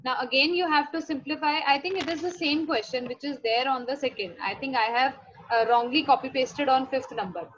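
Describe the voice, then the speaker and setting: Female online maths teacher, North Indian accent, high pitch, explains step by step and asks check questions, muffled lo-fi call sound. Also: fairly quick, fairly bright tone, a little hiss or hum. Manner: instructive, frequently checking understanding with questions. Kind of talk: online class lesson, mixing Hindi and English. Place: live online class call. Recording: dull lo-fi online class audio.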